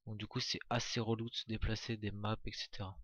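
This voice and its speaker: A man's voice: on the low side, little pitch movement, quick pace, fairly bright tone, no echo. A man giving casual, chatty commentary on a game walkthrough, hesitant, with many fillers and restarts. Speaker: gameplay commentator.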